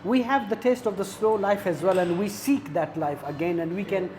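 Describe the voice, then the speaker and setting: A man hosting a casual interview in a coffee shop, speaking haltingly with many fillers and restarts. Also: sits high, a little mellow, a little hiss or hum. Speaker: interview host.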